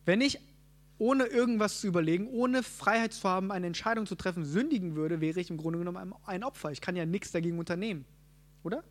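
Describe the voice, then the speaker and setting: A man preaching a sermon, teaching a group and asking them questions. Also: high voice. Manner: asks the audience questions, quick asides.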